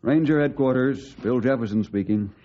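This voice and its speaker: An actor playing an earnest, steady forest ranger hero in an old-time radio adventure, speaking respectfully and clearly. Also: male voice, mid-range voice, normal speed, lightly acted. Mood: respectful, worried. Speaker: lead ranger. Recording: muffled, noisy old radio recording.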